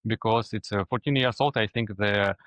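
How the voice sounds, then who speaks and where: Man hosting an interview, lowish voice, dry close sound, halting, repeats words. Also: a bit bright, dry recording. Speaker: interview host. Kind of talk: casual interview.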